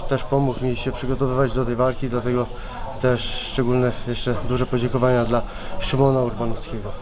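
A man in his thirties, worn out after a fight, answering reporters in a halting way, restarting and repeating words, speaking into handheld mics at a backstage press wall. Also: mid-range voice. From Poland. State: exhausted. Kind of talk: post-fight press interview. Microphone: several handheld reporter mics held close.

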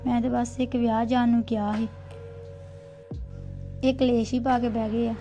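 A woman's voice: fairly high pitch, flat delivery, normal speed, warm tone, muffled recording, faint music behind, natural voice. A woman playing a young wife who pleads with her husband and mother-in-law, plaintive in an amateur family drama.

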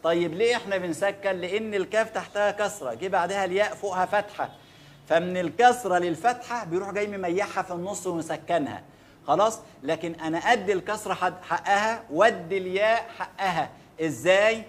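A man with an Egyptian accent teaching Quran recitation, drilling words slowly and asking listeners to repeat them back. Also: high voice. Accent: Egyptian Arabic. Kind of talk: recitation lesson.

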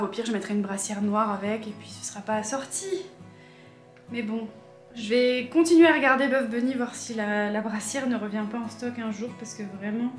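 A woman vlogger chatting to camera in a casual, excitable way, with frequent hesitations. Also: a little high. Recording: echoey room with faint music.

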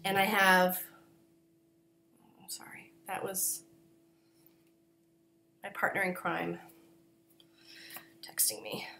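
A woman's voice: lowish voice, flat delivery, slow pace, gravelly, long pauses, sharp tone, slight background noise. Woman, knitting podcast host, casual chatty delivery, coughing, self-deprecating. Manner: chatty, self-deprecating, apologetic, with many fillers. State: coughing, throat-clearing. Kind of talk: casual chat. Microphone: camera.

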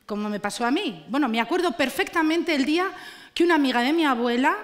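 A woman, performing a stand-up comedy monologue on a TV stage, animated and ironic. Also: high voice, fast. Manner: animated, ironic, acts out characters. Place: TV studio stage with live audience.

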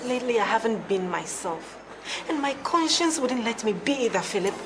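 A woman's voice: fairly high pitch, sing-song, moderate pace, background noise. An actress with a Ghanaian accent playing a jealous, domineering and wounded woman in love in a film drama, speaking emphatically. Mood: hurt, pleading. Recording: loud music behind film dialogue.

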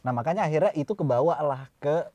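A man, a voice-talent guest in a casual chat, relaxed and agreeable, often humming along. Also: fairly high pitch, fast, dry recording. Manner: relaxed, many soft hums of agreement.

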